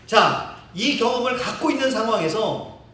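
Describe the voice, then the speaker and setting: A man's voice: sits high, expressive, normal speed, sharp tone, slight background noise. A male pastor preaching a sermon, telling the story vividly, acting out quotes and chuckling. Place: church sanctuary. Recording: very echoey hall, distant mic.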